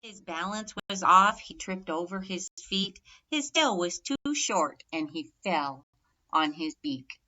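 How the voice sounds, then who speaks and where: Through a muffled recording, a storybook reader with a bright, somewhat low voice reads a rhyming story for children. Her narration is measured and expressive, lingering over the lines and clearly emphasizing each rhyme.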